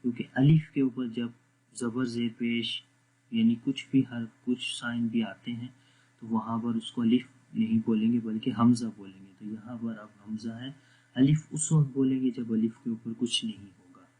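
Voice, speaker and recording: A man teaching Quran reading, sounding out each syllable slowly and then explaining the rules in quick asides. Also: medium pitch, flat delivery, dark tone, husky, low-quality recording. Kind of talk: spelling out syllables for learners.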